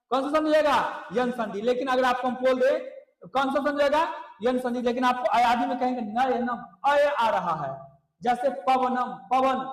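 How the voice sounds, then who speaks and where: A man's voice: extremely high pitch, fairly bright tone. A man teaching Hindi grammar for exams, drilling rules by asking questions and answering them himself. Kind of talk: exam coaching lesson. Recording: echoey room.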